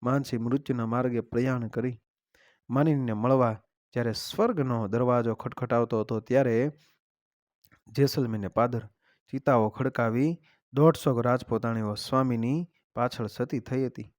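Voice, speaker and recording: A man's voice: mid-range voice, steady tone, normal speed, darkish tone, no echo, studio quality. A man narrating a heroic folk legend in a dramatic, declamatory style, reciting verse along the way. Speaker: storyteller.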